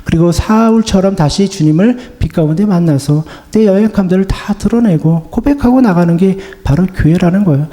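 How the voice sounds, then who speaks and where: A man preaching a gentle sermon as pastor, voicing the Lord's comforting words to the congregation. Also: sits high, brisk, hardly any pauses. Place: church sanctuary. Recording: long church reverb.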